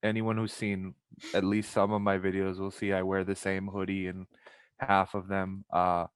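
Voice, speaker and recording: A man's voice: low voice, monotone, normal speed, clean tone. A young man from Pakistan, a podcast guest, chatting casually and rambling with many restarts. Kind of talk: casual chat.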